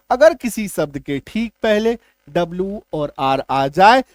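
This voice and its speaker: A man teaching English spelling rules in a classroom-style lesson, stressing and repeating each rule and often checking that it is clear. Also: high-pitched, dry recording.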